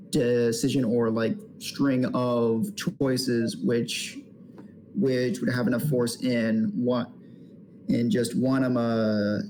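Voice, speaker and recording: Male game master, slow and halting, creaky low tone. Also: darkish tone, slight background noise. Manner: halting, lots of restarts. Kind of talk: explaining a tabletop game.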